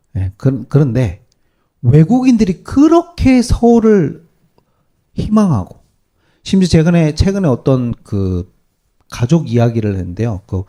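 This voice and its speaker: A male pastor preaching a sermon to his congregation, animated and peppering them with rhetorical questions. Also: medium pitch. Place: church service.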